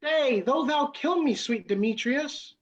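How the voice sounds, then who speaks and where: A wounded, lovelorn young woman, played by a woman, pleading line after line. The voice is high. The recording sounds dull and lo-fi. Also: animated, a little slow. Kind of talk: Shakespeare reading.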